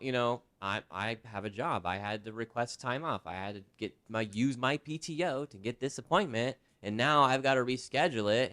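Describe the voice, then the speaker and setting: A man working as a sign language interpreter, speaking a presenter's signed talk aloud in the first person, conversational and lively. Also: medium pitch, clear, resonant tone.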